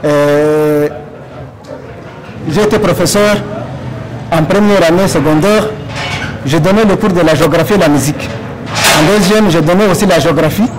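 Young man from Congo, high voice, halting campaign speech at a stand mic in a large hall. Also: noisy background. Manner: halting, with many fillers and restarts. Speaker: candidate for youth leadership. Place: large plain hall, indoors.

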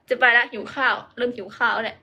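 A woman's voice: on the high side, pushed and bright. A young woman with a Northeastern Thai accent, chatting playfully on a casual livestream and joking about her mixed dialects. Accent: Northeastern Thai (Isan). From Northern Thailand. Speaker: idol livestreamer.

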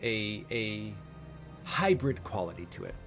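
A man's voice: lowish voice, expressive, unhurried, fairly bright tone. Joking man commenting on a game. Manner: joking, sarcastic asides. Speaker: let's play host. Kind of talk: casual gameplay commentary. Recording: music behind.

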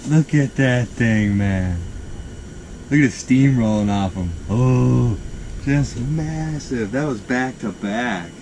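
A young man with an Upper Midwest American accent, talking casually and excitedly as he ice fishes outdoors at night. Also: medium pitch, takes it slowly, rough recording. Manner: excited, exclaiming over catches. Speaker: fishing vlogger. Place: frozen lake outdoors at night. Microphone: action camera on the ice. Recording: outdoor camera with steady background noise.

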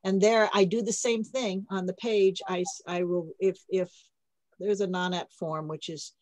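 Woman poet, lowish voice, dry close sound; casual workshop teacher who restarts sentences as she thinks aloud. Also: fairly even intonation, moderate pace, a little mellow, dry recording, low-quality recording. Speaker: poet leading a writing workshop.

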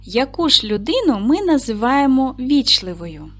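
A woman teaching an online lesson to young schoolchildren, speaking slowly and clearly in an encouraging classroom manner. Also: sits high, very animated.

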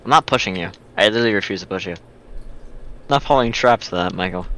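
A man's voice: lowish voice, fast talker, sharp tone. A young man in casual gaming banter, a mocking, hyped gamer bro who swears and fires off repeated words. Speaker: gamer, co-player.

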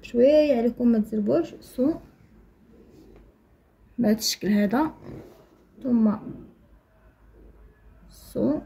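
A young Moroccan woman teaching young children to write letters, slowly stretching out syllables and repeating them for the class to copy. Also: fairly high pitch, creaky, mellow, slightly rough. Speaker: primary school teacher. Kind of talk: slow, patient handwriting lesson for young children.

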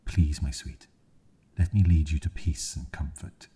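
A man voicing a jealous hooded stranger in ASMR storytelling, speaking with low whispered menace. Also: fairly even intonation, measured pace, mellow, slightly rough, exaggerated voice. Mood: menacing.

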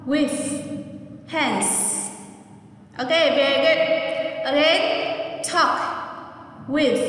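A woman with a high voice teaches young children English at an unhurried pace, repeating each word and asking them to say it after her. Her voice rings around a very echoey room with a long reverb tail. She sounds set back from the microphone. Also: a bit bright, slight background noise. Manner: drills words slowly, asking children to repeat. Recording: very echoey room, voice from mic distance.

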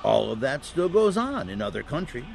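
An actor playing a kindly old Santa who is truly a saint, gently explaining like a storyteller in a family audio drama. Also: male voice, medium pitch, big pitch swings, moderate pace, creaky, slight background noise. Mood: kindly, informative.

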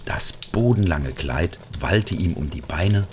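A middle-aged man reading a Christmas storybook aloud, gentle and hushed at times, with lively swings into character voices. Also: takes it slowly, noisy background. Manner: gentle, hushed, drops to a whisper in places; lively character voices rising high for quotes. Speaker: narrator. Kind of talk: scripted storybook narration.

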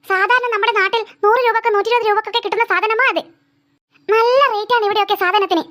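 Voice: very high voice, steady tone, quick pace, bright, forceful tone. A voice actor playing a stern mother in a cartoon who scolds her daughter and refuses to buy anything on a trip. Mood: complaining. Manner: scolding, nagging. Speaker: cartoon character. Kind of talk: cartoon voice acting.

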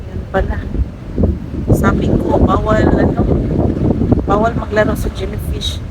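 A woman's voice: medium pitch, flat delivery, measured pace. A woman with a Filipino accent chatting casually for an outdoor travel vlog, switching between languages, with wind on the mic. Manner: chatty, giggly, code-switching. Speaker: vlogger. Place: windy outdoor beach resort.

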